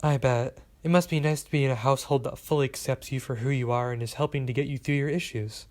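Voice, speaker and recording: A man voicing a gentle, caring middle-aged mother in an audiobook, close to his own gravelly voice. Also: mid-range voice, fairly even intonation, fast talker, close to an everyday voice. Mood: tender.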